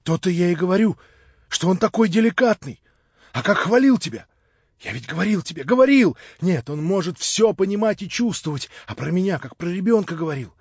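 Eager, gushing young man, voiced by a male reader, husky, bright and loud, dry recording. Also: high-pitched, no room sound, muffled recording, pitched above the performer's own voice, heavily acted.

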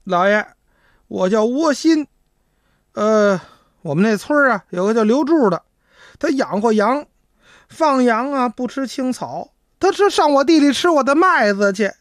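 A man's voice: very high-pitched, lively intonation, unhurried, dry recording, studio quality, pitched above the performer's own voice. Guy doing a scared deaf old farmer, stammery, voice all over the place. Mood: pleading. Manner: pleading, rustic, stammering. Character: timid old male farmer, nearly sixty, hard of hearing.

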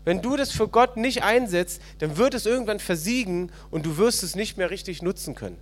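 A man preaching a sermon at a church service, retelling a parable with animated storytelling and questions to the congregation. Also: high voice, a little fast. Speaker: pastor.

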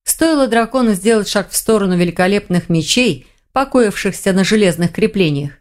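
A woman reading a fantasy audiobook in an even, measured storytelling manner. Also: mid-range voice. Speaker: audiobook narrator. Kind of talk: scripted narration.

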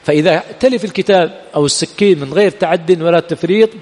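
A man's voice: on the high side, fast, a little mellow. A man teaching religious law as a sheikh, who keeps putting rhetorical questions to his students and answering them himself. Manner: keeps asking "what?" and filling in the answer himself. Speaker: sheikh teaching Islamic jurisprudence. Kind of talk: lecture with call-and-response questions. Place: teaching center hall. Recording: long hall reverb.

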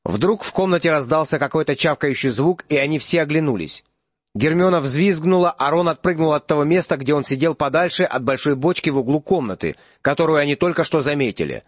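A man narrating an audiobook in an even, steady storytelling manner. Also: a little high, brisk, dry recording, highs cut off. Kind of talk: scripted narration.

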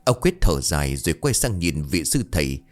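A man's voice: very deep voice, very animated, moderate pace, faint music behind. A man narrating a ghost story dramatically and expressively.

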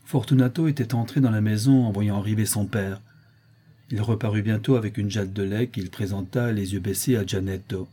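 A man reading a classic short story aloud as an audiobook narrator, in measured storytelling that shifts into the characters' dialogue. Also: fairly low pitch, steady tone, dark tone, breathy edge.

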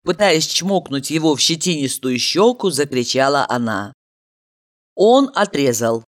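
A woman narrating a story in a lively, dramatic way. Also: deep voice, measured pace. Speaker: audiobook narrator.

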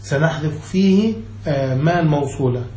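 A sheikh gives a classical grammar lesson, patiently working through each point and checking that his listeners follow. His voice sits a little high but sounds mellow and dark. The room around him echoes. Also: normal speed. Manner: explains step by step, keeps asking his students whether they follow. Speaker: sheikh teaching Arabic grammar.

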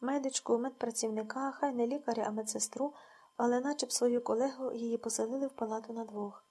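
A woman narrating a novel as an audiobook in a quiet, restrained reading that sinks to a hush. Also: a little high, steady tone, fast, breathy edge. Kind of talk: scripted narration.

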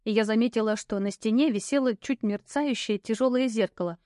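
Bright-voiced woman narrating an audiobook. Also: a little high, brisk, no echo, clean studio sound. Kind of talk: first-person audiobook narration.

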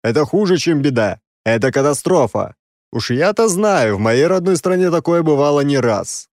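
A man voicing an exasperated six-armed male demon who scolds loudly and sarcastically, in a dry, close recording. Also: on the high side, big pitch swings, normal speed, dry recording, pitched above the performer's own voice.

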